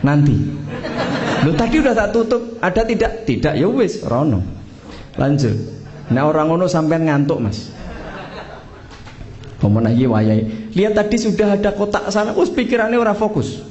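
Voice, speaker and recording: A man's voice: high voice, animated, normal speed, pauses often, a little mellow, dull audio. A man with a Javanese accent teaching a religious class on the call to prayer, joking and teasing his students as he goes. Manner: joking, teasing, mixes local slang into teaching. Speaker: Islamic teacher training imams and muezzins. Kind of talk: casual religious class instruction.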